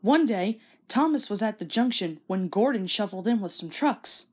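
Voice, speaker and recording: Woman, storybook reader, lively varied intonation, mid-range pitch, scripted children's narration. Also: normal speed, slightly rough.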